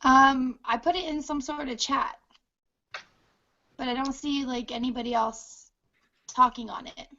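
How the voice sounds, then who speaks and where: Modest woman photographer on a call, high pitch, muffled sound. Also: fairly even intonation, unhurried, pauses often, bright, forceful tone. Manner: modest, polite, giggly. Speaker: photographer starting a business. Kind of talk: casual group chat. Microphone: video call. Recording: lo-fi video call audio.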